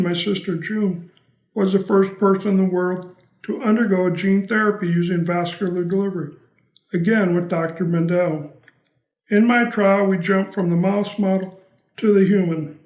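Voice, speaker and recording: A man's voice: sits high, a little mellow, roomy sound, poor audio. A man reading a prepared personal testimony as a patient.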